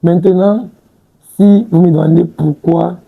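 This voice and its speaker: A man's voice: high voice, steady tone, measured pace, gravelly, slightly rough, narrow, tinny audio. A man in his twenties, a guest in a studio interview, talking casually and hesitantly, restarting words and often adding "tu vois un peu". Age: 20s. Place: TV studio set.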